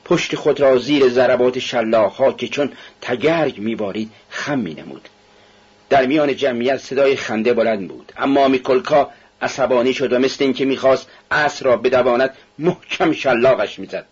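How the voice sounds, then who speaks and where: A man reads a novel aloud in an even, measured narration. His voice is very husky and breathy, sitting at an ordinary pitch. The recording sounds dull and muffled. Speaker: audiobook narrator.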